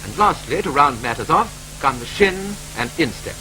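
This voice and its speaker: A British man narrates a wartime training film in a brisk, clipped newsreel style, wryly matter-of-fact. His bright, forceful voice sits a little high and swings sing-song up and down, over poor audio with the faint hiss of an old film soundtrack.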